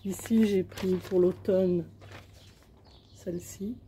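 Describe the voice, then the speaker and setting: A woman chats slowly through a crafting haul, pausing often to search for words. Her voice sits a little low and sounds very dark and mellow. A faint outdoor hum runs behind her phone recording. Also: steady tone. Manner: chatty, hesitant, many fillers. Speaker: crafting vlogger. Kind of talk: casual show-and-tell haul. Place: outdoors in sunshine.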